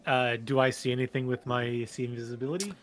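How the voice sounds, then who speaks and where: A man's voice: medium pitch, steady tone, fast. A man playing a tabletop game, asking short questions and speaking casually. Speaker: player. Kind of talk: casual chat.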